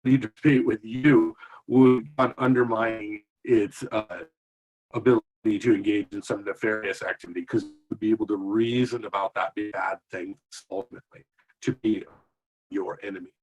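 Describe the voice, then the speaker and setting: A man speaking as a guest over a video call whose audio cuts in and out, so his volume keeps rising and dipping, and he talks haltingly with many restarts. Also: fairly low pitch, a little mellow, dull audio. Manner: halting, full of restarts and fillers. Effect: choppy call audio with uneven, dipping volume. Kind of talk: remote panel discussion.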